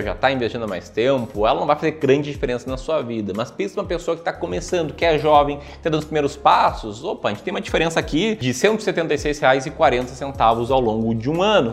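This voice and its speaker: A Brazilian man with a mid-range voice presents an explainer directly to the viewer. He addresses people emphatically, a bit like a showman, and drops in colloquial asides. Music plays behind his voice. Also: mid-range voice. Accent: Brazilian Portuguese. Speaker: video host, professional investment manager.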